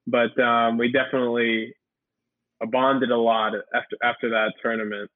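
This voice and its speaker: A young man co-hosting a podcast, relaxed and a bit hesitant, with fillers. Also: medium pitch, normal speed, dry recording. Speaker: podcast co-host. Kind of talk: casual podcast chat. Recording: tinny phone-like line, dry.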